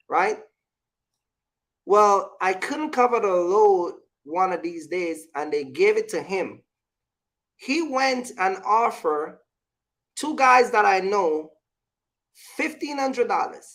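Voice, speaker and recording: A vlog host speaks in a casual way, his voice sitting high with a fairly bright quality. He hands out business advice and personal anecdotes, hammering points home through repetition and frequently checking in with the listener.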